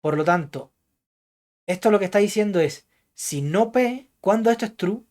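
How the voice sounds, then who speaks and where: A man's voice: sits high, lively intonation, normal speed, a little mellow. Man lecturing a programming class. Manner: keeps checking understanding with "¿ya?" and "¿entiendes?"; thinks aloud, hedging what he recalls.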